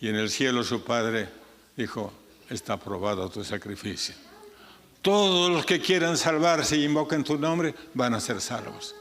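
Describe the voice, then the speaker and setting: A man's voice: fairly high pitch, animated, measured pace, fairly bright tone. A man, a pastor, preaching a sermon with earnest emphasis, his voice rising sharply on key points. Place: church sanctuary. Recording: church sanctuary with long reverb.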